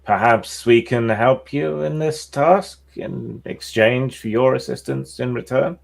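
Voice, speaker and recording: A man's voice: mid-range voice, unhurried, vocal fry, pitched above the performer's own voice. A man voicing a polite cleric adventurer who addresses strangers in formal, diplomatic speech. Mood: courteous.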